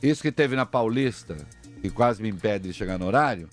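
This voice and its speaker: A man from Brazil hosting an opinionated talk radio show, combative and sarcastic, mocking people with put-on voices and swinging from muttered asides to loud outbursts. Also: lowish voice, lively intonation, fairly quick, over music. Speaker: radio commentator.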